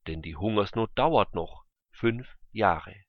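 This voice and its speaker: Joseph, a forgiving and powerful brother from a Bible story, read by a man. Slow and earnest, in a lowish voice, dry and a bit muffled. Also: lively intonation, no room sound. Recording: dull lo-fi recording.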